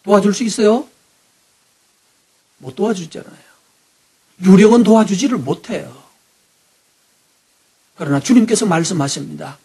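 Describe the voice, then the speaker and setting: A male pastor delivers an animated sermon in a high, somewhat husky voice. He keeps tossing questions to his congregation. His delivery swings between loud emphasis and quiet, hushed asides. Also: normal speed, pauses often. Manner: asks the congregation frequent rhetorical questions.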